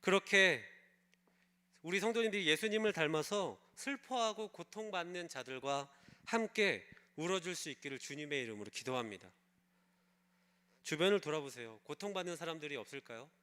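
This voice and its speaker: A man's voice: a little high, lively intonation, moderate pace, bright, forceful tone, smooth. A male pastor preaching a sermon, telling a story and putting questions to the congregation. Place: church service.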